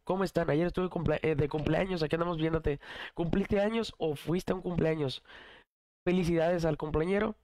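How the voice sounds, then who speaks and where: Mexican male streamer, mid-high voice, cough-roughened, dry close mic, hyped slangy chatter. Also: a little mellow, no room sound. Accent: Mexican Spanish. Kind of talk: casual live-stream chat.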